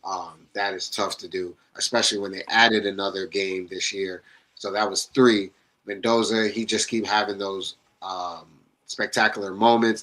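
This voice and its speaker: A man's voice: on the low side, sharp tone, low-quality recording. A young man co-hosting a sports podcast in casual chat, blunt and profane in his trash talk. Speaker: podcast co-host.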